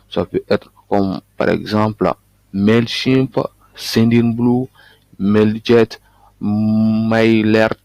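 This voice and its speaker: A man's voice: fairly low pitch, gravelly, darkish tone, no room sound. A man coaching on online business, talking through a screen-share tutorial with frequent hesitations and restarts. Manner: hesitant, many fillers and restarts.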